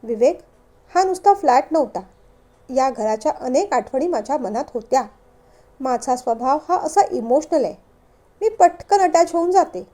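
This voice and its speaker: A woman reading the part of a gentle, emotional young woman who speaks softly and composedly. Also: high-pitched, animated, normal speed.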